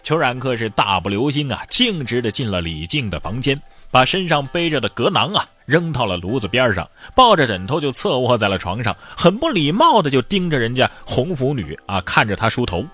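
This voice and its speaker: A man telling an old tale in a lively, colloquial way, with playful asides. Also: medium pitch, brisk, hardly any pauses. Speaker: storyteller. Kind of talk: animated oral storytelling.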